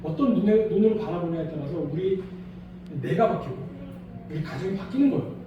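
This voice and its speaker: Animated pastor preaching in echoey hall. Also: male voice, high voice, fairly quick, recorded from a distance, highs cut off, background noise. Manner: animated, acts out quoted voices. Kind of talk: sermon. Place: small church sanctuary.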